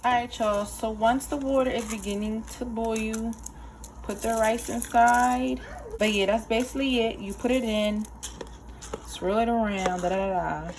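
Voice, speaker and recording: A woman's voice: on the high side, fairly even intonation, unhurried, a little hiss or hum. A young adult woman chatting casually to viewers while cooking in her home kitchen, folksy and talkative. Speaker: cooking vlogger.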